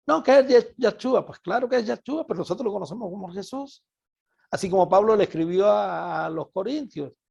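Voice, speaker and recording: A man from Venezuela with a Venezuelan Spanish accent, preaching a Bible study sermon in an animated way and repeating words for emphasis. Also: on the high side, creaky, husky, muffled recording.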